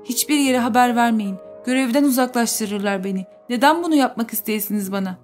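A woman's voice: on the high side, brisk, faint music behind, close to an everyday voice. A woman reading the part of a desperate male doctor who pleads in a trembling voice in an audiobook. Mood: pleading.

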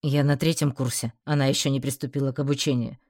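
Figure: woman doing a calm young male demon student. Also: very deep voice, fast, no room sound, clean studio sound, voice pushed down. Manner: calm and terse.

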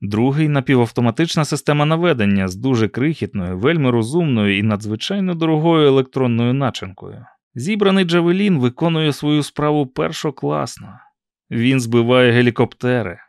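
Brief: male audiobook narrator, middle pitch, dry and ironic first-person delivery, close and dry recording. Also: lively intonation, a little fast, a little mellow, no room sound.

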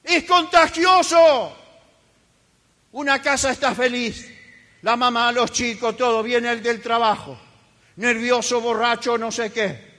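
A man's voice: extremely high pitch, steady tone, measured pace, sharp tone. A man preaching a sermon as a pastor, emphatic and fiery, mocking the voices of complainers. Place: church hall. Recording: reverberant church hall.

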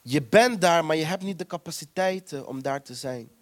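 A man preaching a sermon in a fairly high voice. He drives his points home by repeating key phrases, and he acts out the voices of scripture figures as he retells their stories. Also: moderate pace.

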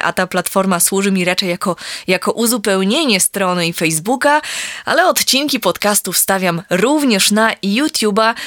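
Woman, podcast host and voice coach, easy conversational delivery with fillers, mid pitch, dry close mic. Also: a bit bright, dry recording. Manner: conversational, frequent filler hesitations. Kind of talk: solo podcast talk. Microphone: studio microphone.

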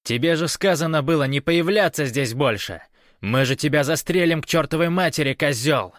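A man voicing a gruff male checkpoint guard who barks and threatens through a loudspeaker. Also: on the high side, expressive, normal speed, no echo, clean studio sound, voice pushed up. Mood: threatening. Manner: shouting, rough, threatening.

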